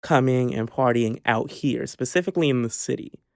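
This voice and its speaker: Gravelly New man talking gossip. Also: medium pitch, fairly quick, dry recording, clean studio sound. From New York. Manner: earnest, emphatic opinions. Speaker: podcast co-host. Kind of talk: casual gossip chat.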